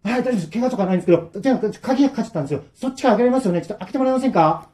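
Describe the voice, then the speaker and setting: A man's voice: sits high, sing-song, mellow, pitched above the performer's own voice. A man voicing a panicked young man trapped behind a locked door, pleading and apologizing in a rush. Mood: frantic pleading. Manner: frantic, apologetic, rushed pleading.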